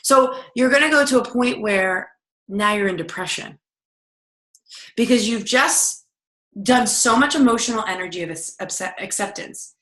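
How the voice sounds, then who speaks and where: A woman with a bright, fairly high voice teaches a video lesson on personal growth. She speaks in a loose, conversational way and voices the inner self-talk she describes. The room around her echoes noticeably. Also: moderate pace.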